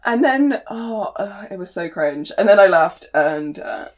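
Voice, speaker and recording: A young woman in casual chat, telling stories with many ums and pauses. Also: mid-range voice, expressive. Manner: hesitant storyteller, many ums.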